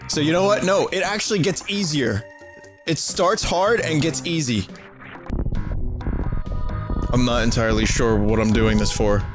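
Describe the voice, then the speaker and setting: A man's voice: measured pace, pauses often. A man streaming a video game live, muttering self-mocking commentary to himself as he plays. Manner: self-mocking, muttering to himself, bursts into high-pitched screams. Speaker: gaming streamer. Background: game music.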